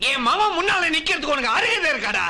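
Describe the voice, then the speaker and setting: A stern older man guarding his family's honor, reproachful and taunting. His voice is high, sharp and lively in pitch. Faint music plays behind. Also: fast, exaggerated voice. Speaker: actor in a film scene. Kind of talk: melodramatic film dialogue.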